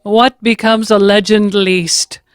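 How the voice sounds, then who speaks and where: A woman making deadpan one-liners over an old movie. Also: mid-range voice, slow pace, clean tone, no echo, clean studio sound. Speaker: comedy riffer. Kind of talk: joking commentary over a movie.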